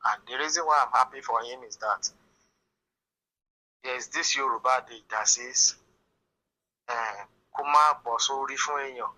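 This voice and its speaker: A man, giving measured, moralizing advice in a voice note played back on the show. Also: mid-range voice, sharp tone, rough recording. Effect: voice note played back in the studio. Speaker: listener sending in a voice note. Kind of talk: advice monologue.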